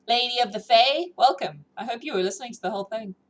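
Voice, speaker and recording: Talking at a quick pace in a slightly high voice, this book-reading livestream host giggles through an informal chat with her viewers. Her accent mixes South African, British and New Zealand influences, and noticeable room noise comes through.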